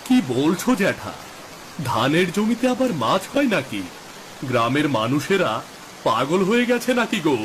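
A man's voice: fairly high pitch, big pitch swings, moderate pace, a bit bright, a little hiss or hum. Man acting Bikash, a worried village farmer. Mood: incredulous. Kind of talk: Bengali cartoon voice acting.

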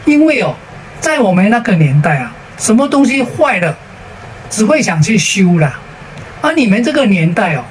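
A woman voicing a homespun old grandmother who calmly explains old-fashioned values. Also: medium pitch, moderate pace, a little hiss or hum, natural voice, low-quality recording. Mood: wise. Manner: explaining, folksy.

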